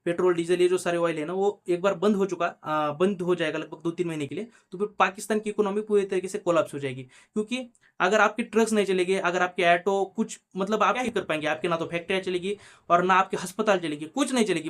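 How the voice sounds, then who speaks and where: A man hosting his own channel, delivering a heated opinion monologue and pressing each point with a tag question. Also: sits high. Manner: heated, insistent, keeps tagging phrases with a questioning "na". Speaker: channel host.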